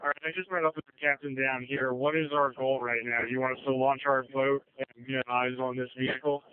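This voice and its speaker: Male rescue responder, radio traffic: fast, clear, procedural, dry and narrowband like police radio. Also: mid-range voice, flat delivery, no room sound. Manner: clipped, procedural radio talk. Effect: two-way radio. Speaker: responding rescue unit member. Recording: tinny narrowband emergency radio transmission.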